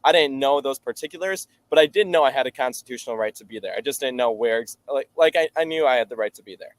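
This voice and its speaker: A man's voice: medium pitch, fast, no room sound. A man of nineteen, a talk show guest, earnestly explaining at length in casual answers. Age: late teens.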